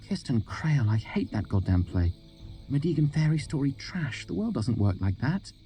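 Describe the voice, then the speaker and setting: Man doing a sharp-tongued young woman, blunt and matter-of-fact, raised above his deep voice, audiobook read. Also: steady tone, moderate pace, faint music behind, natural voice. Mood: venomous.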